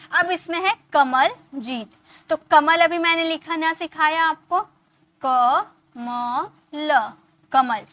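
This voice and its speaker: A woman gives a classroom lesson in a high, bright voice. She explains patiently step by step, repeats herself, and asks questions she answers herself. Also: no room sound. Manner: patient, repetitive explaining with many rhetorical questions. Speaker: English teacher.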